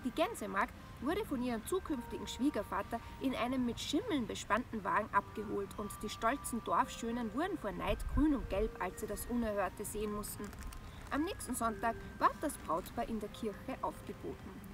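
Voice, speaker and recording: A woman's voice: on the high side, moderate pace, background noise. A woman reading a fairy tale aloud expressively for children. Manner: expressive, acts out voices in dialogue. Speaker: storyteller. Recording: distant with background music.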